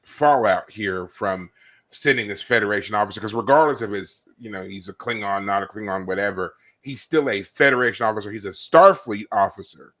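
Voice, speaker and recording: Animated man retelling scenes on a podcast. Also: on the low side, brisk. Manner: animated storyteller, acts out scenes with loud exclamations. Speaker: podcast co-host. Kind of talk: casual chat. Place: live podcast recording.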